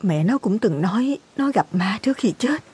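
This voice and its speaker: A woman voicing a worried village mother who speaks in a hushed, anxious way. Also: medium pitch, expressive, normal speed, slightly rough. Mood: hushed worry.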